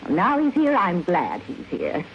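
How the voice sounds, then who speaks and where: A woman's voice: lowish voice, huge pitch swings, unhurried, vocal fry, slight background noise, heavily acted. An actress playing a middle-aged aunt and landlady in an old radio thriller, fussy, eager and easily flustered. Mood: brisk, fussy. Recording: muffled vintage radio recording, loud music underneath.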